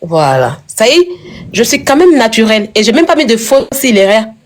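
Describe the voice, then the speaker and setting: A woman with an Ivorian French accent brags in loose live-stream banter and keeps telling the other to calm down. Her voice sits a little high and comes through a phone microphone. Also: normal speed, slight background noise.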